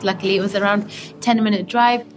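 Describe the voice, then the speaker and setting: Woman from Yemen, aid worker, mid-pitched voice, faint music behind, hesitant and reflective, frequent fillers. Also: steady tone, fast. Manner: hesitant, with many fillers and restarts. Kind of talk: reflective recounting.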